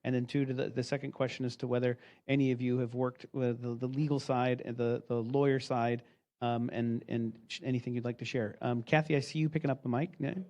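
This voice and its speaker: Male moderator, halting, lots of ums, mid-range voice. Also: medium pitch, level tone, darkish tone, highs cut off. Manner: halting, many fillers and restarts. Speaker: panel moderator.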